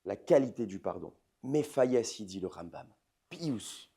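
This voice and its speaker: A rabbi in his forties holds a lecture with a dark, mellow voice. He rises into loud, emphatic bursts, then drops to soft, close asides, and keeps turning to his listeners with direct questions. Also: on the low side, animated, a little slow, gravelly. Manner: swings between loud emphatic outbursts and soft intimate asides; addresses the audience directly with questions. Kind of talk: lively religious lecture to an audience.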